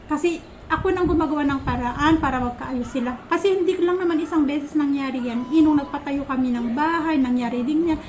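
A woman's voice: high-pitched, brisk, darkish tone, a little hiss or hum, poor audio. A Filipino woman vlogger in her thirties telling viewers, chatty and exasperated, about a family quarrel, quoting what each person said. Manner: chatty, exasperated, retells quarrels with quoted lines. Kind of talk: casual storytelling to viewers.

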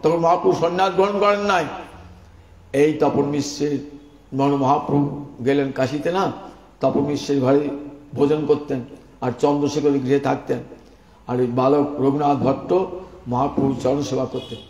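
A man's voice: a little high, steady tone, moderate pace, darkish tone. Man preaching in an echoing hall. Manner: chanting names in a rising sing-song, exhorting listeners. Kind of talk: devotional sermon. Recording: roomy hall with long reverb.

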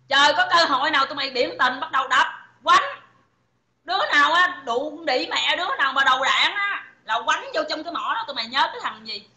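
Heard with heavy reverb, a high-voiced woman speaking with a Southern Vietnamese accent yells insults and profanity during a phone livestream. Her angry rant is aimed at taunting her listeners.

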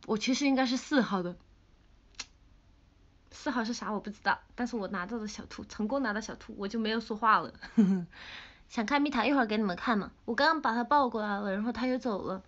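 A young woman with a Sichuan-flavored Mandarin accent, chatting playfully on a livestream and reading comments, pouty and quick to laugh. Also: a little high, fairly bright tone. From Sichuan, China. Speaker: idol livestreamer. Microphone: phone camera. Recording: dull lo-fi livestream audio.

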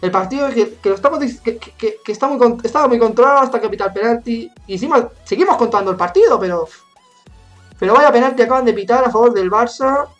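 A woman in her twenties with a Spain Spanish accent, commentating her own gameplay live, excitable and swearing often as she rants. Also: fairly high pitch, fast talker, soft background music. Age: 20s. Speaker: gaming YouTuber.

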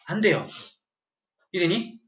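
A man's voice: high voice, very animated, slow pace, fairly bright tone. A man teaching English vocabulary to a class, telling a joking story and quizzing his students as he goes. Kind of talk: classroom lecture. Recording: echoey room, dull lo-fi sound.

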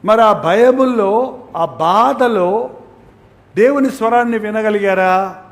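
Male pastor, high voice, dramatic loud-soft preaching, reverberant hall. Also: slow. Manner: dramatic swings between loud emphasis and soft near-whispers. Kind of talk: sermon.

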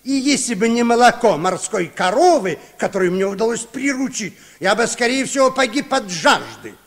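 An actor playing a boastful, excitable baron telling tall tales in a theatrical, pompous old radio play manner. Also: male voice, extremely high pitch, normal speed, exaggerated voice. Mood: savouring, smug. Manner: theatrical, pompous, wildly dramatic. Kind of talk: mid-century Soviet radio play storytelling. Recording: reverberant old radio drama recording.

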